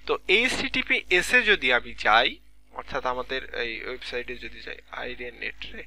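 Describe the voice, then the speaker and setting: Bright-voiced man teaching an online class. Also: mid-range voice, sing-song, normal speed, slight background noise. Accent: Bangladeshi Bengali. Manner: explains step by step, checks in often. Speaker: lecturer.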